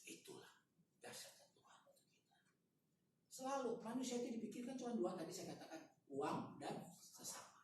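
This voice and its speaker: A man preaching a sermon at a prayer meeting, animated and full of rhetorical questions and slangy asides. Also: very high-pitched, brisk. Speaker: evangelist preacher. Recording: echoey room, distant mic, faint noise.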